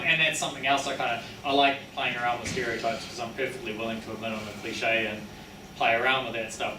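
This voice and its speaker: Picked up by a distant mic in an echoey, clearly noisy room, a medium-pitched New Zealand man delivers a relaxed public lecture on his research and book, with questions from those attending. He comes across as a colloquial, matey tradesman type, rambling and revising what he says as he goes.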